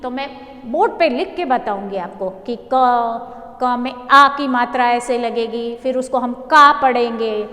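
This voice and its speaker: A teacher drilling Hindi syllables for young children in a reassuring, sing-song way, speaking with an Indian accent. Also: female voice, fairly high pitch, a little slow, bright, forceful tone. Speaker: primary school teacher. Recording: echoey room with long reverb.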